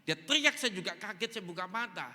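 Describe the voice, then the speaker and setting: A man's voice: high voice, animated, a little fast, pushed and bright. A male pastor preaching a sermon, telling a story animatedly and acting out the dialogue. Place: large church hall. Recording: long reverb in a large hall.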